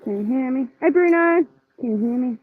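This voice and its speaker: This remote caller on a livestream has a high-sitting, animated voice and talks a little fast, heard through a tinny earbud mic on dry, phone-like call audio. Catching a cold, she comes across blunt, dry and tired.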